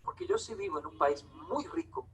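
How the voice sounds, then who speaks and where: This Bogotá man's voice sits high and husky at a normal speed, captured on a low-quality recording. Giving a storytelling talk in his local Colombian Spanish, he stays ironic and lively, voicing the dialogue of each character.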